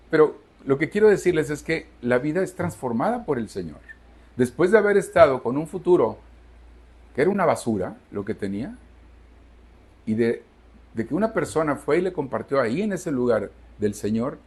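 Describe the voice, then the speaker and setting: A fairly high but darkish, husky voice belongs to a Mexican pastor in his sixties. During a Sunday church service he preaches with emphasis, raising questions to the listeners and resolving them himself.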